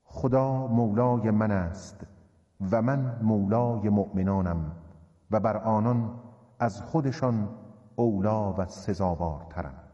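A man voicing a solemn male prophet addressing a large gathering, speaking slowly and gravely, in a dull, reverberant recording. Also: on the low side, warm tone, lightly acted. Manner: slow, grave, measured oration.

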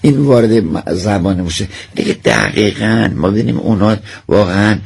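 A man's voice: fairly low pitch, creaky, darkish tone. A man, addressed as doctor, explains word origins and folk tales in a hesitant, conversational way with many fillers. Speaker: expert guest.

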